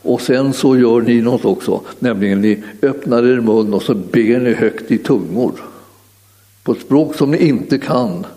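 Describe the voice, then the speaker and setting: A man preaching a sermon and telling a personal story, halting and repeating himself with many fillers and restarts. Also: medium pitch, dark tone. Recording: long hall reverb.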